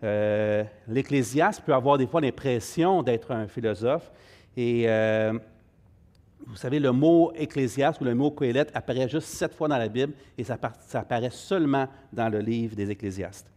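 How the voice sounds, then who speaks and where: This middle-aged man speaks at medium pitch and normal speed, his tone dark, with a Québécois French accent. Leading an informal Bible study, he hesitates often, using plenty of fillers and tossing friendly remarks to the group.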